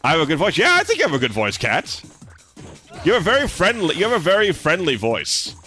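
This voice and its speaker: This is casual live-stream talk from a young male gamer who has a slight lisp and a laid-back, swear-peppered style. His fairly deep voice moves fast with huge pitch swings and a sharp tone, and soft music plays behind him.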